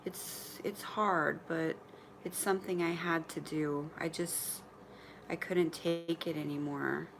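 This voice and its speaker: A woman in her forties with a notably low voice, talking openly and casually to her followers on a livestream. She laughs easily and sometimes talks with her mouth full. A faint hum of room noise sits under her voice. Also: steady tone, takes it slowly, gravelly. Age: 40s. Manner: candid and chatty, often laughing, sometimes talking while eating. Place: indoors in her mother's apartment.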